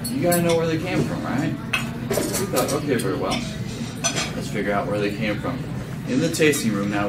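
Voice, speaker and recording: A young man raised in Denmark speaks to a dinner crowd, explaining his points and tossing questions out to the listeners. He is picked up from across a banquet room, so his voice sounds distant and echoey. Loud room noise with clinking cutlery sits under him. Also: medium pitch. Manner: explanatory, asks the audience questions. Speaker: winery owner giving a talk. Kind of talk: conversational speech to an audience. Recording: roomy, distant and noisy.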